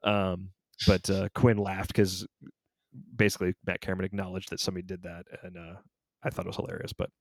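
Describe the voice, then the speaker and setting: A man's voice: low-pitched, level tone, fairly quick, dry recording. A man in his forties co-hosting a podcast, chatting casually and rambling through stories with frequent self-corrections. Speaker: podcast co-host. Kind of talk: casual chat.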